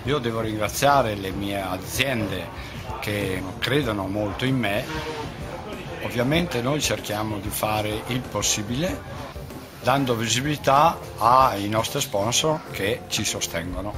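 A man's voice: on the low side, slow pace. An older man, a motorsport team manager, talking plainly about his racing team in a casual interview, with fillers and restarts. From Italy. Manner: relaxed, plain-spoken, with frequent fillers and restarts. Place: team garage at a race paddock. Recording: loud music behind the voice. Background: loud music.

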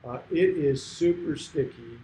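Mellow-voiced man in a roomy space. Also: a little high, unhurried, a little hiss or hum. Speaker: beekeeper. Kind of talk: casual discussion.

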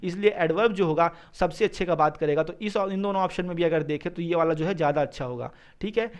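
A male teacher who explains exam answers, reading English sentences slowly and then explaining them quickly. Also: a little high, clean tone. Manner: mixes English phrases into explanations, repeats "ठीक है".

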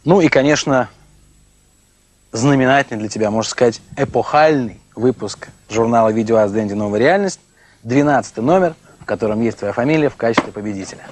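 Husky-voiced man hosting playfully. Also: medium pitch, a little fast, a little mellow. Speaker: TV show host. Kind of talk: playful TV presenting and interviewing. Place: small TV studio.

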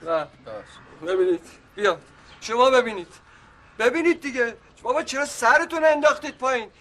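A high, blustering comic husband. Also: male voice, expressive, fairly bright tone. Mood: exasperated. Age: middle-aged. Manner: pleading and joking, then exasperated. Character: blustering middle-aged husband, just back from supposed death. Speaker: father of the family. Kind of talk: comic TV series acting.

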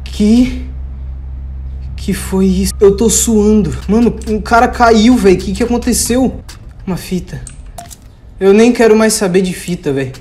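A woman's voice: medium pitch, a little mellow. A young Brazilian woman commentating a horror game, panicking in bursts and repeating exclamations. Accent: Brazilian Portuguese. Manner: jumpy, panicky outbursts, rapid repeated exclamations. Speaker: gaming youtuber.

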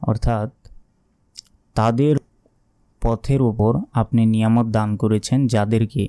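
A man giving a Quran pronunciation lesson, deliberately drilling each syllable by repeating it. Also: lowish voice, steady tone, warm tone, clean tone, no echo, clean studio sound. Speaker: Quran recitation teacher.

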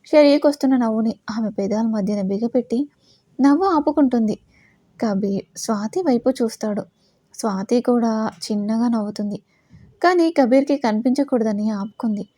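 Mellow-voiced woman telling a story. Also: a little high, moderate pace, no echo. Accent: Telugu. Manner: reads all characters, rising louder for quoted lines. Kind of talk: audio story narration with voiced dialogue.

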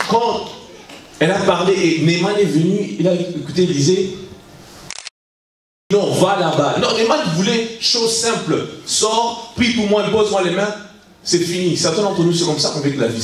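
This high-pitched guest preacher, a man in his thirties from Kinshasa, Congo, addresses young people in a sermon delivered in hesitant French full of restarts; English is the language he's stronger in. He speaks into a handheld mic in a big church hall, and the echoey recording picks up the mic from afar.

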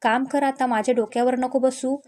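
An irritable young boyfriend who brushes off questions in a spoken story, as a woman storyteller puts him on. He snaps in a high, mellow voice with no heavy acting. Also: fairly even intonation, fairly quick, natural voice. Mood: irritated. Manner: snappish.

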